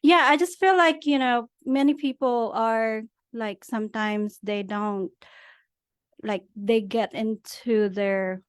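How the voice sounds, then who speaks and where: A woman's voice: a little high, takes it slowly, smooth, no room sound, clean studio sound. Earnest woman from the Philippines. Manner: earnest, agreeable, many fillers. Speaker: guest. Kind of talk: personal life story in an interview.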